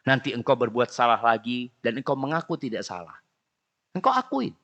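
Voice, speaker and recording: A man with an Indonesian accent delivering a mosque sermon and answering questions from the congregation. His voice is bright and forceful, and he drops into soft asides before rising to loud, emphatic bursts. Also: medium pitch, big pitch swings, a little fast, lo-fi sound. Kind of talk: Islamic study sermon.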